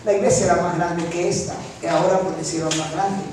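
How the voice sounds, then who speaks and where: Pastor preaching in an echoey church. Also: male voice, a little high, flat delivery, fast, darkish tone, a little hiss or hum. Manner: keeps asking the congregation "right?". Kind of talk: sermon. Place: church hall. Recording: very echoey, mic far off.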